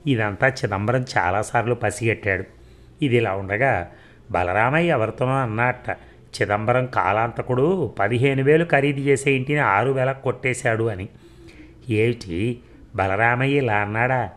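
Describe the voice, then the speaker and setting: A man narrating a short story in a measured, steady reading voice. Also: medium pitch.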